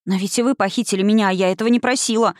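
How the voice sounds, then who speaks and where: A woman's voice: mid-range voice, fairly even intonation, very fast, dry recording, clean studio sound, natural voice. A woman reading an audiobook, voicing a frightened little girl who pleads and stammers. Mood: frightened, pleading.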